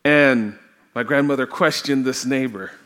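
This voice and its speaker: A Trinidadian man with a mid-range, slightly bright voice preaches a sermon in a church sanctuary. He speaks slowly, telling personal stories and laughing often.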